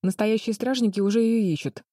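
A woman's voice: mid-range voice, steady tone, fairly quick, warm tone, no room sound, clean studio sound, voice pushed up, lightly acted. A woman voicing a brave thirteen-year-old girl who argues eagerly and insistently. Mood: urgent.

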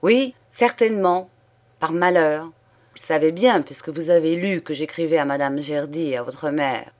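A proud old aristocratic count, cold and scornful, voiced by a woman reading an audiobook. He speaks in a low, firm voice that stays steady even when he snaps. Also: moderate pace, lightly acted. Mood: curt.

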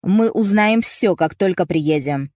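A woman's voice: lowish voice, animated, a little slow, darkish tone, no echo, studio quality. A woman voicing a stern, commanding young husband in a storybook reading, speaking curtly and clipped. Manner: curt, clipped, unbending.

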